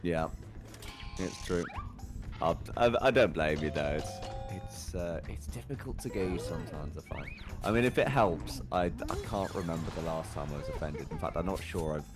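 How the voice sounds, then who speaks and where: A man's voice: low-pitched, lively intonation, moderate pace, music in the background. A man co-hosting a casual live stream, joking in a dry, rambling, self-deprecating way while playing a party game. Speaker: podcast co-host.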